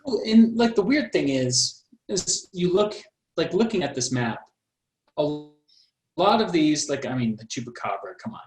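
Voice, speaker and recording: A man's voice: on the high side, big pitch swings, moderate pace, roomy sound, rough recording. A man co-hosting a podcast in casual chat, rambling with many filler words and some swearing, speaking over a video call. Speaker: podcast co-host.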